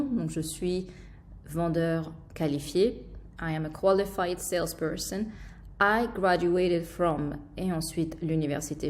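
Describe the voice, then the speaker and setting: Female language teacher, unhurried, lower pitch, patient explainer. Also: a little mellow. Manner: patient, explains slowly with fillers and repeated examples. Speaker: English teacher. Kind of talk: online language lesson.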